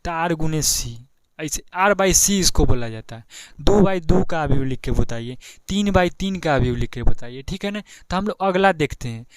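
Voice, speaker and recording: A man's voice: a little high, lively intonation, unhurried, clean tone, no echo. A young male maths teacher with a Bihari Hindi accent explains a board exam lesson, talking in a chatty way, repeating each step and often checking "ठीक है ना". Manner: chatty, repeats steps, keeps asking "ठीक है ना". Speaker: math teacher.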